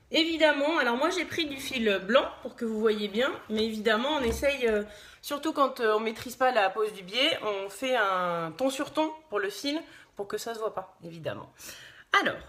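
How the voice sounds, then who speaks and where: A woman's voice: on the high side, lively intonation, normal speed, a bit bright. A woman from France teaching sewing at her machine in a live tutorial, chatting casually and thinking aloud with many fillers as she works.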